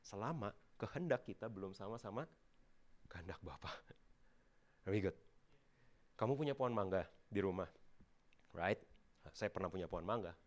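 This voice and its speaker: A man, preaching a sermon in a lively way and often laughing. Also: lowish voice, normal speed, long pauses. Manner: animated, mixes English into Indonesian, laughs often. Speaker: pastor. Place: church auditorium.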